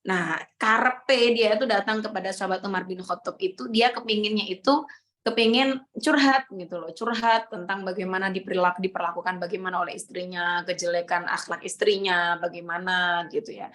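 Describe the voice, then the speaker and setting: A young woman with a Javanese accent teaching a Ramadan religious study, relaxed and storytelling, slipping into Javanese asides. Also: fairly low pitch, fairly quick.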